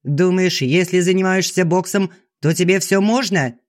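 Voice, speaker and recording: A man reading an audiobook, voicing a domineering young female student who rumbles out her demands. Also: moderate pace, lightly acted. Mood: demanding. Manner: commanding, rumbling.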